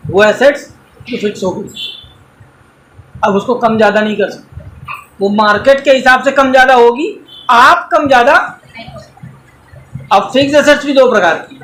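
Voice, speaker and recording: A man's voice: high-pitched, a bit bright, echoey room, a little hiss or hum, rough recording. A man teaching an accounting class in a coaching centre, lecturing in a mix of Hindi and English and quizzing students with everyday examples.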